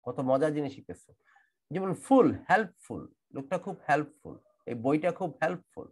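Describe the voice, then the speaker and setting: A man from Bangladesh with a Bangladeshi accent teaching English grammar in an online class, explaining rules slowly and repeating and spelling out words. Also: a little high, expressive. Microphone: computer mic in an online class.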